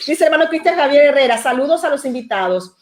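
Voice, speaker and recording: Her voice is high, lively in intonation and fairly quick as she hosts a church talk show. The Venezuelan host speaks warmly in a preacherly style, dropping in amens again and again.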